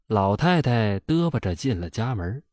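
A man narrating a folk ghost story in an animated, colloquial way. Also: on the low side, a little slow, no room sound, studio quality.

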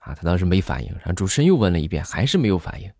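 Low-voiced man telling funny stories. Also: rapid-fire, gravelly, no room sound, clean studio sound. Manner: animated, acts out characters in his anecdotes. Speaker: comedy storyteller. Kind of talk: joke-telling monologue.

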